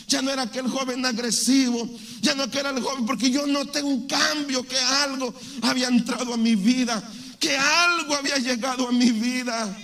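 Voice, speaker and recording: A man's voice: extremely high pitch, fairly bright tone. A man from Mexico, giving a fervent church testimony and often calling listeners brother.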